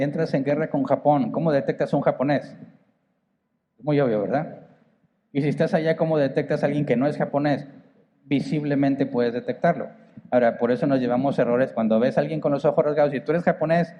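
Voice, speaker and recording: A man's voice: medium pitch, steady tone, brisk, mellow, long reverb tail, muffled recording. A man with a northern Mexican accent preaching a sermon as pastor, conversational, asking the congregation rhetorical questions. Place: church hall.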